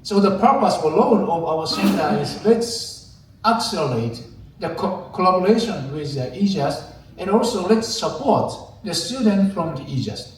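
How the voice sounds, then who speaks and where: Guy presenting at a conference, kinda high voice, lots of uh's, far from the mic. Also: animated, moderate pace, slight background noise. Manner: hesitant, many fillers, light joking with the audience. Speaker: university lecturer presenting at a forum. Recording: echoey hall, distant mic.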